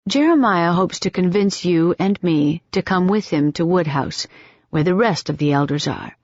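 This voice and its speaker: A woman voicing an elderly, refined Southern gentleman with an old Southern accent, speaking slowly and swallowing his R's. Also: on the low side, dry recording. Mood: courteous. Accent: old Southern American. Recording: dull, dry audiobook recording.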